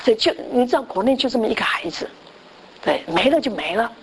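A woman's voice: fairly high pitch, expressive, fast, slight background noise. A woman preacher delivering a conversational sermon that tells a story, with frequent restarts and tag questions.

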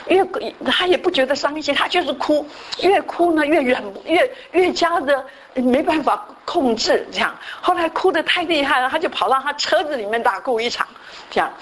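A woman gives a sermon as a long told story. Her voice sits a little high, and she keeps dropping English words into her speech. A faint noise runs under the recording. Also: lively intonation, moderate pace, low-quality recording. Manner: frequent "好" fillers and restarts. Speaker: church speaker.

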